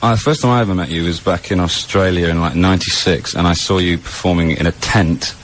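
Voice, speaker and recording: A man co-hosting live radio, a quick and quippy interviewer. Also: low voice, slight background noise. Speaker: radio co-host.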